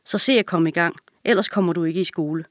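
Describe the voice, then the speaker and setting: Woman reading a bossy busy mom in a kids' audiobook, low and dry. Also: no room sound, close to an everyday voice. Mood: brisk. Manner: brisk and commanding. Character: strict, hardworking mother.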